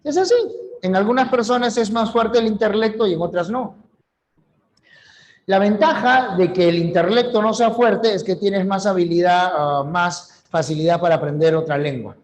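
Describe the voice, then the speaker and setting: This is a middle-aged Peruvian man with a high voice, speaking at normal speed as he teaches a language class online. His lecture style is chatty, and he often poses questions and then answers them himself.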